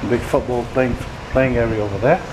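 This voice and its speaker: Man, vlogger, casual walk-and-talk tour, mid pitch, noisy background hum from air conditioning. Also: steady tone, brisk, roomy sound. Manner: chatty, easily impressed, mixes in Arabic phrases. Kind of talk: casual walking tour narration. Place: outdoor pool area and indoor pump room of a housing compound.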